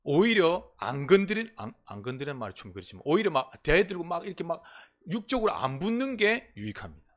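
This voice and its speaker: Korean male pastor, animated and fairly high, alternates forceful declarations with soft asides from the pulpit. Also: quick pace, few pauses. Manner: swings between emphatic proclamation and quiet, intimate asides. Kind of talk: sermon. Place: church sanctuary.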